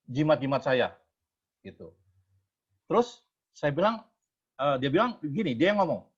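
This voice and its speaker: Husky man telling a testimony sermon. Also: a little high, dull audio. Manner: lively storyteller who asks the audience rhetorical questions. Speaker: speaker giving a testimony at a prayer meeting.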